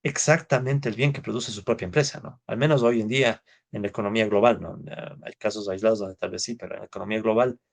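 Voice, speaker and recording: A man's voice: fairly low pitch, fairly even intonation, fast, gravelly, few pauses. A man from Ecuador, giving an informal university economics lecture. He talks conversationally, thinks aloud, and keeps checking in with his students with short tag questions.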